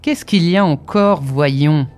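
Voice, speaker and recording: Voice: mid-range voice, unhurried, soft background music, pitched below the performer's own voice, close to an everyday voice. A reader voicing a bad-tempered elder sister who scolds sharply and sourly, in an audiobook. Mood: sour scolding. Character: shrill, furious, bullying older sister.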